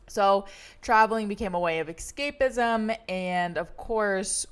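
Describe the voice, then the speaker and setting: A young woman hosts a travel livestream, chatting slowly in a mid-range, clean-toned voice. Her casual monologue rambles along with plenty of fillers and laughs, like relaxed storytelling.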